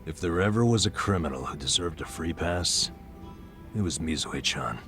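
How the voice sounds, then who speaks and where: Speaking with an extremely low but fairly bright voice, animated and moderately paced, an actor portrays a burned-out former nurse in middle age for a video game. His American-accented storytelling is wry and regretful, tinged with self-deprecating fatigue, over music.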